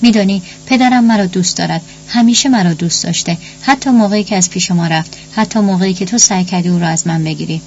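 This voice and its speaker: A woman voicing a menacing, obsessive teenage stepdaughter with a hoarse, soft, threatening voice. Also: on the low side, hardly any pauses, dull audio, slight background noise, close to an everyday voice. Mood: bitter insistence.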